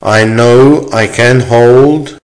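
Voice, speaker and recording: A man reading an English-lesson dictation aloud in short, deliberate, carefully measured phrases, repeating them and speaking the punctuation. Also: mid-range voice, a little mellow, poor audio. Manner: deliberate, measured enunciation with pauses. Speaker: language teacher reading dictation.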